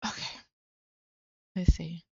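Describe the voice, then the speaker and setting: Slow-talking chatty young woman gamer. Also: a bit bright, no room sound, highs cut off. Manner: chatty and exclamatory, talking to viewers. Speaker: let's play creator. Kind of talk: casual gameplay commentary.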